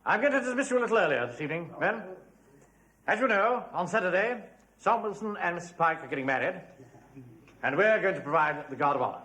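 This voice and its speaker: Pompous, high-pitched English captain. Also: male voice, lively intonation, a little fast, sharp tone. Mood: officious. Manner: bossy, clipped commands. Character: pompous, impatient middle-aged bank manager and platoon captain in a sitcom. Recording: echoey, noisy vintage TV studio recording.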